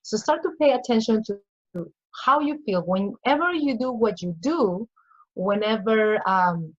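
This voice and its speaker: With a fairly high pitch and lively intonation, this woman from Peru speaks at a measured pace in a Peruvian Spanish accent. As a guest coach in a casual interview, she is earnest, repeats phrases, and voices small inner thoughts. The recording is muffled.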